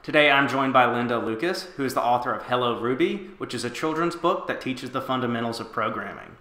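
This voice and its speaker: A man's voice: medium pitch, fairly quick, pushed and bright, echoey room. A man hosting an interview show, friendly and upbeat, often repeating words as he starts his questions. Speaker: podcast host. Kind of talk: casual interview.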